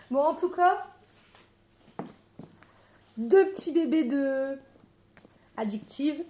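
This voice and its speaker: A woman with a French accent chatting excitedly about books as she unboxes them, laughing often and reading the blurbs aloud. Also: high voice, extremely slow, pauses often. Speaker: book vlogger. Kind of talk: casual unboxing chat.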